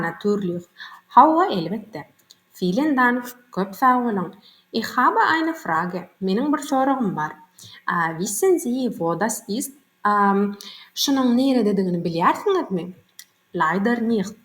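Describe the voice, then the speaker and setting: Woman slowly teaching German words, echoey room. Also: medium pitch. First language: Turkmen. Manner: reads German phrases slowly, then translates quickly into Turkmen. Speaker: hobby German tutor. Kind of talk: bilingual vocabulary lesson.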